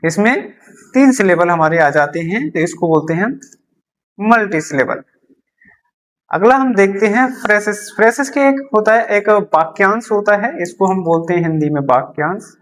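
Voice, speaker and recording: Explaining beginner English in Hindi, this teacher writes examples on a board, repeats the key terms, and poses questions only to answer them. The voice is medium-pitched and expressive, moving at a normal speed.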